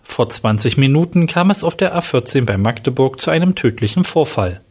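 A man's voice: mid-range voice, lively intonation, a little fast, darkish tone, breathy edge. A man reading the lines of a shaken police officer on the phone in a story.

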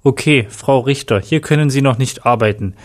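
A man's voice: medium pitch, normal speed, close to an everyday voice. A man voicing a self-assured, impatient male police detective in a read-aloud crime story. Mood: brisk. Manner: curt, impatient. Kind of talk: audiobook reading.

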